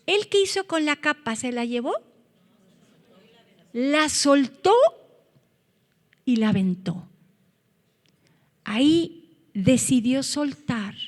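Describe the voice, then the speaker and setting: A woman preaching a sermon, earnest, rising to loud cries when she quotes scripture. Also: high voice, long reverb tail.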